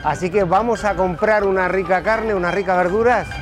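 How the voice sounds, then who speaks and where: A man's voice: high voice, steady tone, a little fast, over music. A middle-aged man from Spain with an Aragonese accent, chatting casually and explaining things with frequent fillers. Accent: Aragonese Spanish. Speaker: interviewee. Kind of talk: casual chat while touring.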